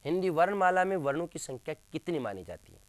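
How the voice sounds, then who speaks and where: A man's voice: fairly high pitch, very animated, fast, dry recording. A male teacher giving a classroom lecture, asking questions and answering them himself, repeating key terms with emphasis. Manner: addresses listeners as friends, emphatic.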